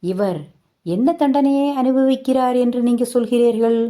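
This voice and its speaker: A woman's voice: medium pitch, expressive, slow pace, dark tone. Woman voicing a grieving, bitter mother. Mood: anguished. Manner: pleading, anguished questioning.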